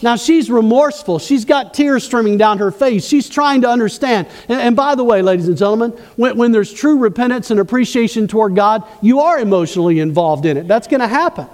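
High-voiced man preaching a sermon. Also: expressive, a little fast, hardly any pauses, darkish tone, big-room sound. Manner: preaching with rhetorical questions to the congregation. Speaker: pastor.

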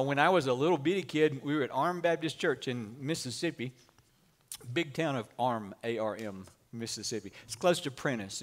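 Folksy preacher man. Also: medium pitch. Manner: folksy storytelling preacher, lively delivery. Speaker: pastor. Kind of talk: sermon.

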